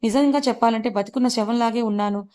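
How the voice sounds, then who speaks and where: A woman's voice: a little high, steady tone, fast talker, a little mellow, lightly acted. A woman reading a stern, hurt young husband. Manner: reproachful, scolding. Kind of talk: audiobook character reading.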